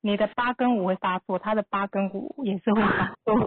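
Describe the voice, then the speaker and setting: A woman with a Taiwanese Mandarin accent, a numerology teacher explaining calmly and reassuringly on a live podcast. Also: medium pitch, moderate pace, crowd noise. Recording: phone-like narrow-band line.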